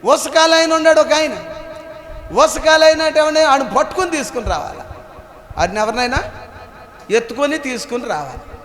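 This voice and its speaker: A man's voice: very high voice, moderate pace, pauses often. A man pastor preaching a sermon in a church hall, telling humorous stories and calling on the congregation to answer him aloud. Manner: calls on the congregation to answer aloud, animated and playful. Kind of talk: Telugu sermon with humorous storytelling. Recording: echoey hall with long reverb.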